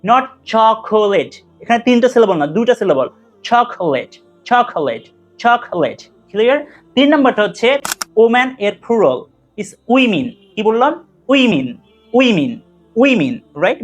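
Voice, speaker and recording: A man with a Bengali accent teaching English pronunciation in a short lesson, slowly drawing out and repeating each word as a drill. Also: extremely high pitch. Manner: slow and drawn-out when modelling words, repeating them to drill.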